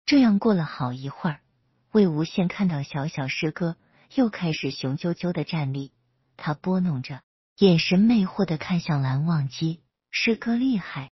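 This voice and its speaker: A woman storyteller reads a romance story aloud in a soft, steady manner. Her low voice is very husky and breathy. The recording is dry and dull, with a lo-fi sound. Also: moderate pace, dry recording. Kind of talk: reading romance fan fiction aloud.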